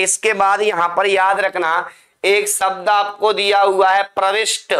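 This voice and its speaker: A man's voice: sits high, bright, forceful tone. A male teacher giving a classroom spelling lesson, drilling and repeating words for his students. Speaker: Hindi teacher.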